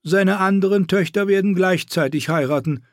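Male reader as a disdainful queen, high, prim, cutting. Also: normal speed, no echo, clean studio sound, close to an everyday voice. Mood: haughty. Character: cold, haughty middle-aged queen.

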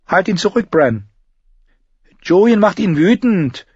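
Brief: commanding young warrior girl, male reader, pitched far up, urgent, slightly dull audio. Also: very animated, slow pace, breathy edge, no room sound, heavily acted. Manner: urgent shouted orders.

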